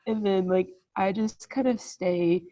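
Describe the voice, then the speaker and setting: A woman's voice: mid-range voice, a little slow, warm tone, no room sound, poor audio. A woman working as an athletic trainer, chatting casually on a podcast and laughing as she tells stories.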